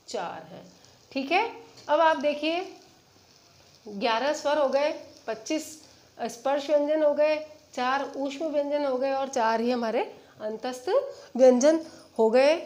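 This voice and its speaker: A woman teaching a lesson from a chart. She says the letters slowly one by one and asks her students questions, then answers them herself. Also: sits high, a little mellow.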